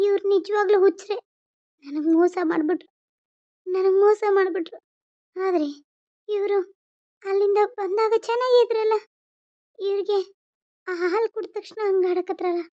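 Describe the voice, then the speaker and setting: A woman voicing an anxious but caring young newlywed queen in a cartoon, fretting to herself and coaxing her husband. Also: extremely high pitch. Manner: frets in whispered-style asides, coaxing to her husband. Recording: dull lo-fi audio.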